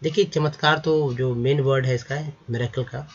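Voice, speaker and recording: A man teaching English vocabulary and pronunciation in Hindi, explaining patiently and repeating each word slowly for his viewers. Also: mid-range voice, fairly even intonation, lo-fi sound, a little hiss or hum.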